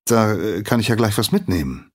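A man's voice: fairly low pitch, lively intonation, fairly quick, voice pushed up. A man voicing an overeager young male apprentice smith who stammers in a spoken docu-drama. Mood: eager.

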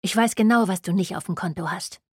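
A woman's voice: lowish voice, fairly quick, slightly rough, no room sound, studio quality. A woman voicing a broke young student who whines and snaps back defensively. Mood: whiny. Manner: whiny, defensive.

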